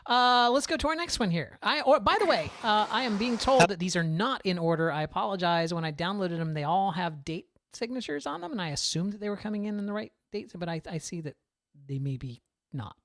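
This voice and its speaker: A man's voice: high voice, animated, a little fast, fairly bright tone, no room sound. A man hosting a casual live-stream podcast, chatty and upbeat as he plays listener calls. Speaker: podcast host.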